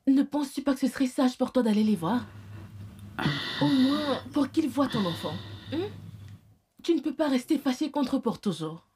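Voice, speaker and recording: A woman's voice: high voice, animated, normal speed, pauses often, slight background noise. An actress in a French film dub playing a caring older aunt figure who soothes and advises a young mother. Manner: soothing, repeats reassurances softly.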